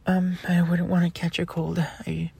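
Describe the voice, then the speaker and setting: A woman in an ASMR role-play, playing a flustered, polite college student who delivers food, with a breathy, husky voice and a hesitant, stammering, apologetic manner. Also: lowish voice, level tone, a little slow, warm tone, heavily acted. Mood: bashful, yielding.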